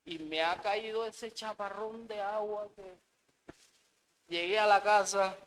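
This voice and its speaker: A man's voice: high-pitched, fairly even intonation, slow, a bit bright, low-quality recording. A married man preaching a sermon in an earnest way, often repeating words and saying amen. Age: adult, married.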